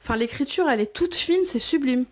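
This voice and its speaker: A woman's voice: high-pitched, animated, fairly quick. A woman hosting a scrapbooking channel, chatting casually and enthusiastically as she unboxes and admires craft supplies. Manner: gushing, enthusiastic, repeats her delight.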